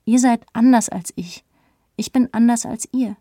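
A woman's voice: fairly high pitch, a little slow, warm tone, no echo. A woman narrating a first-person audiobook in a reflective, earnest way, recorded close to the mic.

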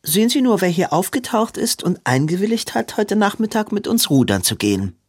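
A woman's voice: mid-range voice, big pitch swings, fairly quick, a little mellow, breathy edge, no echo, studio quality, pitched above the performer's own voice. A man voicing a bubbly, sly, fashionable young woman who gushes. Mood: gushing. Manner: gushing, sing-song.

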